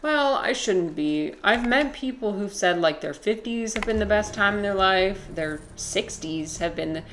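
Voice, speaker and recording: A woman's voice: mid-range voice, animated, measured pace, a bit bright, a little hiss or hum. A woman in her twenties chatting casually with her viewers while she plays a game, rambling, swearing freely and answering chat comments. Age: 20s. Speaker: live streamer playing a video game.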